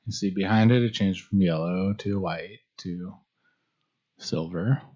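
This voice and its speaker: A man narrating as game master in a relaxed, casual way, full of fillers. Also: low-pitched, a little slow, slightly rough. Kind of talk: narrating a tabletop game on a live stream. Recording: muffled lo-fi stream audio.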